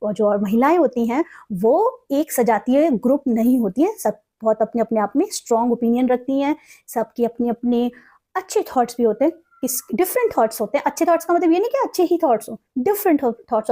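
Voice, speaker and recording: A young Indian woman teaching English vocabulary, explaining meanings and reading example sentences slowly and carefully. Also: on the high side, expressive, warm tone. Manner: mixes Hindi explanation with slow, carefully read English examples. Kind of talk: explaining word meanings in a lesson.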